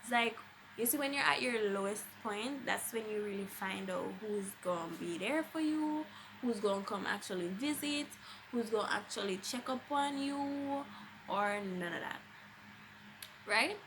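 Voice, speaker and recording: Speaking at normal speed in an animated, mid-range voice, a young Jamaican-accented woman vlogs a personal story in a casual, expressive, emphatic way. There's noise in the background.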